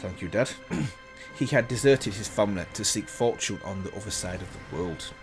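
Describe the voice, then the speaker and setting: Reading aloud for a reaction video, a man with a lowish voice moves at normal speed and interrupts himself with casual asides. The background music is loud.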